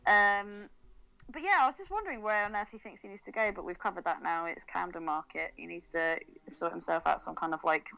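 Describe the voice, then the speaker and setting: A woman's voice: on the low side, brisk, vocal fry, bright, forceful tone, low-quality recording. A woman co-hosting a podcast, chatting casually about a film, laughing often and thinking aloud with fillers. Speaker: podcast co-host. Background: faint music.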